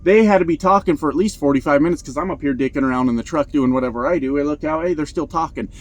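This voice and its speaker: A man's voice: fairly high pitch, fast talker. A man talking in a casual vlog about trucking, blunt and profane, telling stories with lots of energy. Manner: blunt, profane, animated storytelling. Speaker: truck driver vlogger. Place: inside his truck cab.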